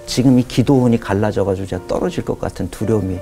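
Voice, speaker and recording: A man's voice: lowish voice, quick pace, over music. A man in his fifties, a pastor telling his testimony on a talk show, earnest and storytelling, acting out the prayers he once said. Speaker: pastor, guest.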